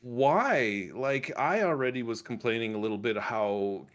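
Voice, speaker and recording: A man with a mid-range voice and measured pace chats about a movie on a livestream. His review rambles, with lots of restarts and abrupt animated bursts.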